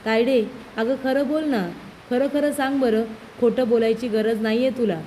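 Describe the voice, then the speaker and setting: A woman's voice: a little high, fairly even intonation, normal speed, dark tone, slight background noise, lightly acted. A woman reading out the lines of a teasing young brother-in-law who tattles on his sister.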